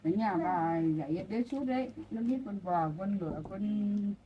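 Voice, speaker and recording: A young mother chatting casually, relaxed, prompting a small child to say words. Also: mid-range voice, normal speed, dull audio. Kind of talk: casual family chat.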